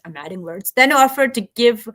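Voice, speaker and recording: A woman reading a story on a casual talk show, pitched a little high. She stumbles over words and breaks off to make chatty side comments. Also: lively intonation, normal speed, fairly bright tone. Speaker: show co-host reading news.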